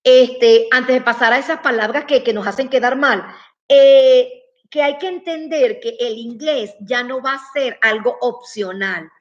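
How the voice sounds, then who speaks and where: Chatty high-voiced woman teaching. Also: a little slow, highs cut off. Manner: chatty, emphatic, addresses viewers directly. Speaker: English teacher. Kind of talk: casual online lesson.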